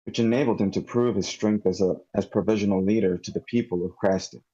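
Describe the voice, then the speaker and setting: Man reading well-spoken narrator, late thirties, measured formal delivery, very low voice, husky, dull lo-fi call audio. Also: steady tone, mellow. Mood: solemn. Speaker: volunteer reader at a script table read. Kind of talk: table read narration. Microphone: computer mic in an online meeting.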